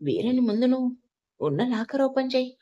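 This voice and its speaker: A woman's voice: sits high, expressive, a little fast, warm tone, muffled recording. A woman voicing a stern, blunt young gangster husband in a storybook, curt and matter-of-fact.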